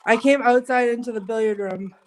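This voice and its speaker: A woman's voice: fairly high pitch, brisk. A woman investigating alone in an old castle's billiard room, shaky and catching her breath, talking nervously with self-deprecating humor. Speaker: paranormal investigator. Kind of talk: live ghost investigation.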